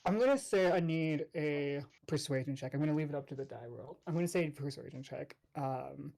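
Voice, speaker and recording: A woman improvising narration as game master of a tabletop game, animated and informal. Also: sits low, fairly quick, creaky.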